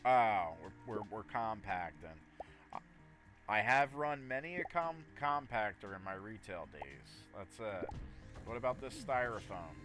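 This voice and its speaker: A man's voice: lowish voice, big pitch swings, a little slow, over music. A man giving casual, rambling live commentary as he plays a game, often talking to himself. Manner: rambling, talks to himself while playing. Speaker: gaming streamer.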